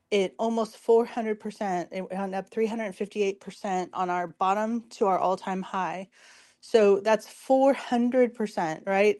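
A woman hosting a casual commentary show is losing her voice, so she sounds hoarse, strained, and worn out. Speaking directly to her listeners, she explains things informally step by step in a mellow, mid-range voice.

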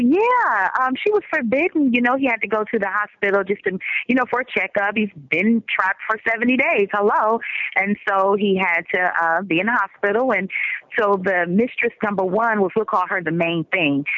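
Bright, lively woman co-hosting gossip chat. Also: medium pitch, no room sound, muffled recording. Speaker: guest co-host.

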